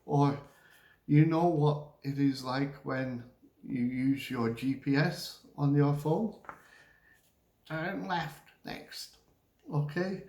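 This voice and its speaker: A man's voice: medium pitch, slow, warm tone. A male English teacher giving a lesson, patiently explaining reading aloud and checking in with "okay?" after nearly every point. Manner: acts out example lines with rising and falling tone. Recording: echoey room.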